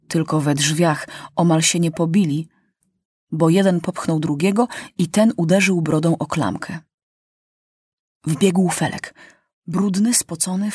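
Woman narrating a kids book, calm and unhurried, kinda breathy voice. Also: fairly low pitch, no room sound, clean studio sound. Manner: calm, measured storytelling. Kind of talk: audiobook reading of a children's novel.

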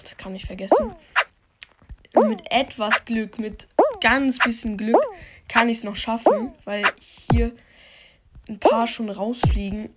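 A woman hosting a podcast while playing a video game, commenting casually and swearing, recorded on a low-quality phone microphone. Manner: slangy, swears, talks to herself and her listeners.

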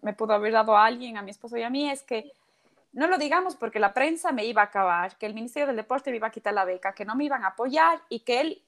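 A woman, a guest athlete telling a personal story in a casual chat and acting out the voices of the people in it. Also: fairly high pitch. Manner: animated, acts out quoted voices.

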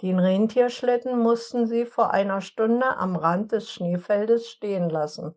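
A woman narrating an audiobook story in a calm, measured manner. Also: medium pitch, muffled recording.

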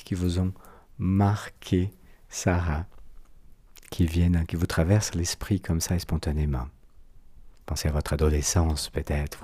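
A man's voice: sits low, dark tone. A man with a Brazilian accent hosting a podcast interview in French, speaking with flowery, effusive compliments. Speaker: podcast host.

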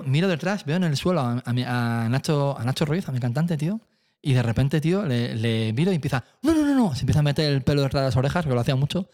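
A man telling a lively anecdote about his band on stage, acting out voices, laughing and swearing casually. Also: mid-range voice. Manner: animated storyteller, acts out voices, laughs often, swears casually. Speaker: musician telling a tour story.

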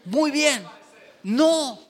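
A man's voice: very high voice, drawn-out words. A man preaching a sermon in a church, joking and speaking straight to the congregation. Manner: animated, joking preacher addressing the congregation directly.

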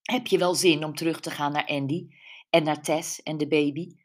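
A woman's voice: sits low, fairly even intonation, moderate pace. A woman voicing a friendly, matter-of-fact woman in her forties in an audiobook. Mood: fond. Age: 40s. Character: friendly woman near fifty, a curious sleuth.

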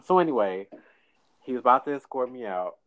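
A man's voice: mid-range voice, animated, brisk, no room sound, lo-fi sound. A man with a St. telling a story in casual chat, dry and laid-back, full of "like" fillers and acting out the people he quotes.

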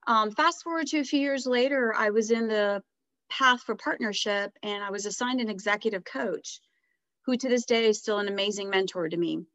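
The dry, slightly dull podcast audio has no room sound as a middle-aged woman, appearing as a guest author, reflects casually on her story. Her voice is medium-pitched and moderately paced, and she livens up when retelling conversations.

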